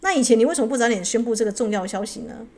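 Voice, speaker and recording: A woman's voice: mid-range voice, lively intonation, fast talker, a little mellow, lightly acted. A woman voicing a stubborn, weary middle-aged male knight who protests indignantly in a spoken storybook. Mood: protesting.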